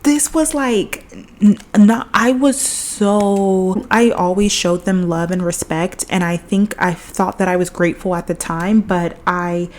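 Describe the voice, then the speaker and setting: Here a young podcast host shares a personal story on her own, reflective and conversational, with "like" cropping up constantly. Her pitch is medium and her intonation fairly even, and she speaks a little slowly in a darkish tone.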